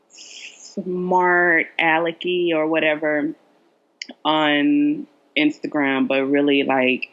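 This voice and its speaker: A woman's voice: sits low, a bit bright. A woman chatting casually as a podcast guest, informal and hesitant as she thinks aloud. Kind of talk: casual chat. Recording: muffled lo-fi audio.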